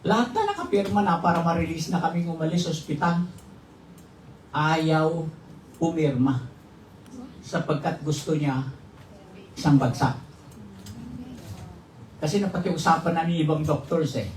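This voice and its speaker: Filipino pastor with a roomy distant sound. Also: male voice, fairly high pitch, expressive, measured pace, long pauses, a little hiss or hum. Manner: jokes and laughs with the congregation. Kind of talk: sermon testimony with humor. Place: church hall. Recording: roomy, distant mic, faint ambience.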